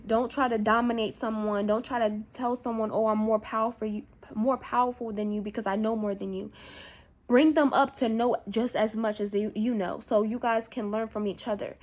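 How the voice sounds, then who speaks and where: A spiritual vlogger delivers a casual monologue to camera in a slightly high, steady voice at a moderate pace. She rambles, repeats herself, swears casually, and keeps checking in with the viewer with a frequent "you know what I'm saying," all in a candid tone.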